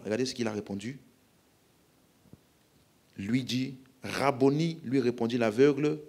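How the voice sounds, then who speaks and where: A man with a French accent preaching a healing-service sermon, emphatically calling out questions to the congregation. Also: mid-range voice.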